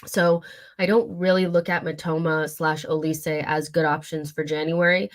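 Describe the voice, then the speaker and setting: A hoarse woman with a cold hosting a casual football chat stream, talking loosely with many fillers and asides. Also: low voice, flat delivery, moderate pace. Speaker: football channel host.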